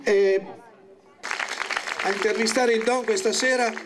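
A man opening an evening event with a formal, halting welcome speech, thanking the audience and introducing the guest. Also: sits high, fairly even intonation, crowd noise, noisy background. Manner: measured, halting, emotional thanks.

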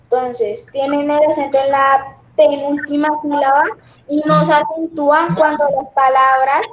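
A student answering in class, eager and calling out to the teacher again and again. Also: female voice, high-pitched, level tone, unhurried, highs cut off, background noise. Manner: eager, calls out "profe" repeatedly.

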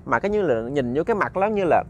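A man's voice: a little high, expressive, fast talker, a little hiss or hum. A man narrating a ghost story conversationally, often repeating words and talking to his listeners.

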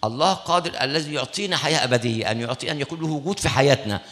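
A man's voice: fairly high pitch, very fast, a bit bright. A man with an Egyptian accent, a priest preaching a sermon and retelling conversations from his ministry, acting out both sides. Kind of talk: sermon with storytelling. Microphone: studio broadcast mic.

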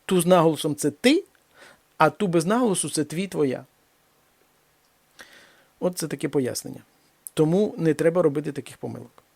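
Man teaching a language lesson, fairly high gravelly voice, slow careful examples, dry close sound. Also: animated, darkish tone, no echo. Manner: slow, deliberate reading of examples, then explains. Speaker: Spanish teacher.

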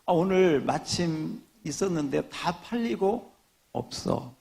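A gravelly-voiced pastor puts on a grumpy stationery shop owner who scolds a pestering customer. His voice rises as he loses patience. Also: a little high, animated, slow, darkish tone, exaggerated voice. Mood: smug.

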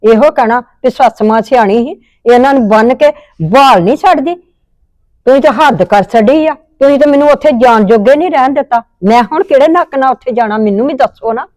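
An indignant woman with a Punjabi accent, playing a mother-in-law who scolds her family. Her voice sits a little high and sounds close and dry, with no room around it. She talks in long, reproachful runs. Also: fast talker, darkish tone, no room sound. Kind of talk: scripted family drama acting.

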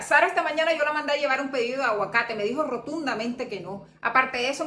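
A woman playing a distressed mother, her very high voice bright and ringing. She pleads and scolds with emotion, in a home recording with an echoey room. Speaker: mother in a family skit. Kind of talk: amateur home drama acting.

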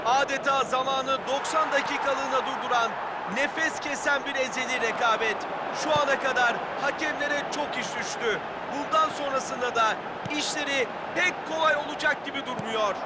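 A man playing an excitable football match commentator in a video game, calling play and shouting at the big moments. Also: very high voice, normal speed. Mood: engaged. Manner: shouts excitedly when goals come. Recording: loud stadium crowd noise. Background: roaring stadium crowd.

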